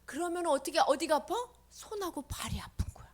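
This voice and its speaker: A woman telling a Bible story to children in an animated way, often dropping to a whisper. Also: high-pitched, fairly quick. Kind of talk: children's sermon.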